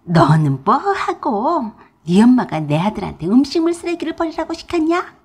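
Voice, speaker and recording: A shrill, domineering older mother-in-law from a radio drama, as a woman puts her on. She barks orders and talks down to people in a loud, husky voice that rises and falls sharply. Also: very animated, measured pace, heavily acted. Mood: scolding. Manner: loud, bossy, talks down in plain speech.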